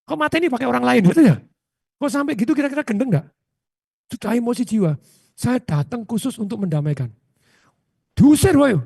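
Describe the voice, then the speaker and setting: A man giving a motivational seminar talk, animated and constantly asking the audience rhetorical questions. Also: very high-pitched, fast talker, gravelly, no room sound, studio quality. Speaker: seminar speaker.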